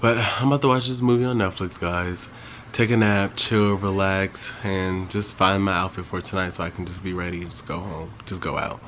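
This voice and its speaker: Chatty young man with a lowish voice. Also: steady tone, moderate pace, fairly bright tone, a little hiss or hum. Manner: rambling, chatty storytelling with frequent "like". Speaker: vlogger. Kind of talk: casual vlog chat. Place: in his car, then at home.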